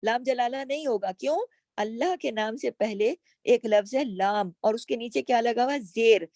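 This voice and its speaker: A woman with a fairly high, darkish voice teaches Quran recitation at normal speed, giving a slow tajweed lesson and reciting words. She explains every letter patiently and asks herself questions, in clean studio audio without room sound.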